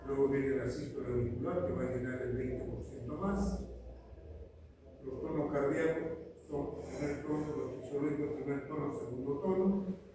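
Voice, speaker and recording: A man's voice: medium pitch, normal speed. A man giving a university lecture, walking through each point with rhetorical questions and frequent checks of "¿sí?". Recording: echoey hall from far off, noisy.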